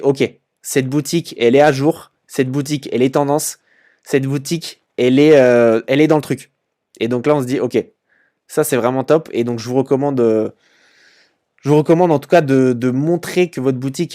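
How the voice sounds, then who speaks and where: A young man talks casually as he walks through a website on screen, stumbling over repeated words and fillers. His voice sits at an ordinary middle pitch, and he sounds informal and conversational. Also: darkish tone. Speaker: e-commerce channel host. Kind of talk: casual screen-share commentary.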